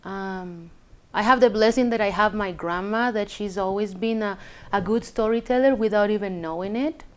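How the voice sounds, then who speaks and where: Talking casually about her own life, this Chilean interviewee, a native Spanish speaker with a Chilean accent, reflects on a personal story and occasionally pauses to find the right English word. Her voice is medium-pitched and clean, at a normal speed.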